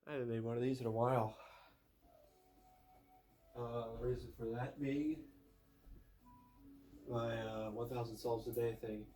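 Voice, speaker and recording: A man's voice: mid-range voice, fairly even intonation, measured pace, pauses often. A man talks casually to his vlog with the blocked, stuffy nose of someone who has a cold. He rambles and corrects himself as he thinks aloud. The room rings with echo, and faint music sits behind him. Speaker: vlogger with a YouTube channel. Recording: echoey room.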